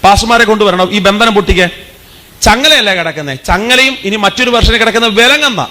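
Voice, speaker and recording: A man preaching a revival sermon with a bright, forceful edge to his voice. He keeps putting questions to the congregation and calling on them to give praise. His voice sits high for a man. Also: brisk. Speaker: pastor. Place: church meeting.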